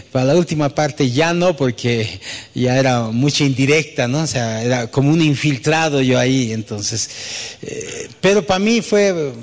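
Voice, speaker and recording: A man's voice: mid-range voice, big-room sound. A man preaching a sermon as pastor, telling a personal story and asking rhetorical questions with frequent "¿no?" tags.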